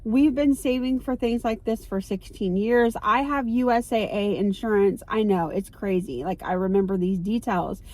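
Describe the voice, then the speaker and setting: A middle-aged woman vlogging in casual chat from a parked car into her phone, telling stories in a chatty, excitable way. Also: mid-range voice, moderate pace, hardly any pauses.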